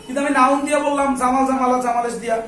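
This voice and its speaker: Speaking in a very high, level, bright voice with a forceful edge, this man rushes along as he teaches English grammar. He fires off questions, answers them himself, and reprimands chatty students, heard distantly in an echoey classroom over slight background noise.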